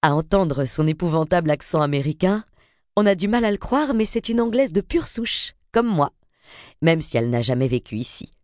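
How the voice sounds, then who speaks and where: Audiobook: a woman voicing a self-assured, friendly woman in her forties, dark tone, lively. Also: low-pitched, moderate pace, no room sound, clean studio sound. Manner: poised, friendly.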